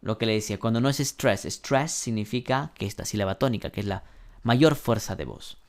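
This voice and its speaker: A man's voice: on the low side, fairly quick. A man teaching an online English grammar lesson, going through the rules step by step and repeating example words aloud.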